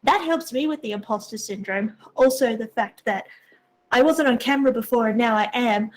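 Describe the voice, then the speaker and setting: Female tech advocate, higher-pitched, casual, reassuring, emphatic explainer. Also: low-quality recording. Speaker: developer advocate. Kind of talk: casual explanatory panel talk. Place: indoors, on camera.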